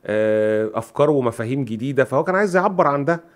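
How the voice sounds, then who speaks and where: A man's voice: mid-range voice, lively intonation, very fast. A man with an Egyptian Arabic accent, co-hosting a podcast and retelling music history in casual chat, acting out quoted dialogue. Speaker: podcast co-host.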